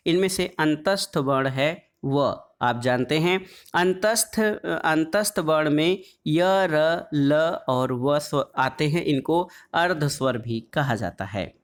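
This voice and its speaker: A man teaching an exam-prep lesson on Hindi phonetics, reading quiz questions and then explaining the answers, drawing out letter sounds slowly as he lists them. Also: on the high side. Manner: draws out sounds slowly when listing letters; calls the audience "friends".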